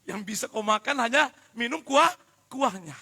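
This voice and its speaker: High, gravelly, bright-voiced male preacher. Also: lively intonation, measured pace. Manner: jokey preaching, swings from hushed asides to shouted emphasis; addresses the congregation directly and often. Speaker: pastor. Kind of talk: live worship sermon.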